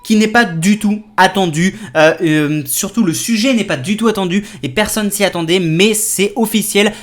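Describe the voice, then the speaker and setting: A man's voice: sits high, normal speed. Guy doing a tech news vlog, chatty and upbeat, lots of euh and restarts. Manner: lively, many fillers and restarts. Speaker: tech YouTuber.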